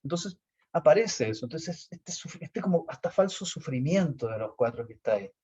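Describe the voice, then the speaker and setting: Lecturing on personality types, this Chilean teacher speaks in a warm, slightly rough, expressive voice that runs on the high side and fairly quick. He rambles, circling back and restarting phrases, and the recording is dull and lo-fi.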